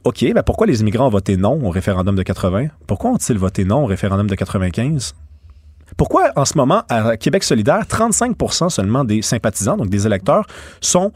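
A man's voice: fairly low pitch, sing-song, quick pace, a little mellow, breathy edge, dry recording, studio quality. A man with a Québécois accent giving opinionated political commentary on a talk show, with many stammered restarts. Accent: Québécois French. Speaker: radio show host.

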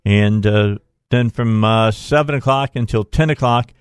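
A man's voice: fairly low pitch, unhurried, smooth, no echo, clean studio sound. A man hosting a political talk radio show in an informal, folksy, conversational way. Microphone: close studio microphone.

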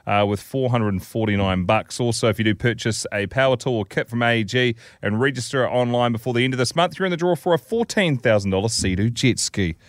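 A man's voice: medium pitch, fast talker, few pauses, dry recording, clean studio sound. A man with a New Zealand accent hosting a radio show in casual, blokey banter full of laid-back slang.

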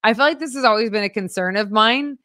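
A woman's voice: a little high, fast, pushed and bright, no echo, clean studio sound. Chatty upbeat woman co-hosting local news. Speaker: news show co-host. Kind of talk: casual local news chat.

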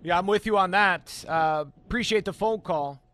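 A man hosting a postgame sports radio call-in show, talking in an animated, emphatic way with fillers and restarts. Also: high voice, normal speed. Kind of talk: sports talk radio, opinionated analysis.

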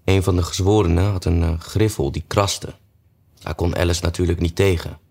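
A man narrating a storybook in a relaxed way, often pausing on "eh" fillers. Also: deep voice, vocal fry. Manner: relaxed reading with frequent "eh" fillers. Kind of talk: storybook reading.

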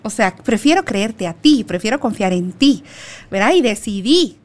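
A woman guest on a podcast, a teacher and storyteller, talking in an animated way with many fillers. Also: mid-range voice, normal speed. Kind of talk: conversational interview.

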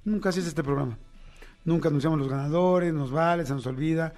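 A man's voice: a little high, fairly quick, a little mellow, faint music behind. Playful teasing male radio host. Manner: playful and teasing, tender with kids. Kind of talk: casual on-air chat with children.

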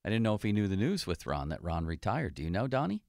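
A man's voice: lowish voice, big pitch swings, vocal fry, darkish tone, dry recording. A man hosting a sports radio show in the studio, chatting casually with guests and breezing through sponsor tags. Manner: breezy, reads sponsor tags in quick succession.

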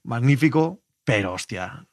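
A man's voice: medium pitch, animated, unhurried, darkish tone, no echo. A man in his forties from Spain with a Spanish accent, hosting a sports show in loose, colloquial chat, often nostalgic. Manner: nostalgic, colloquial, swears casually.

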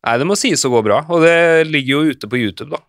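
A man's voice: on the high side, animated, fairly bright tone, no echo, clean studio sound. A man in his thirties chatting as a podcast guest, reflective and hesitant with frequent fillers. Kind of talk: casual conversation.

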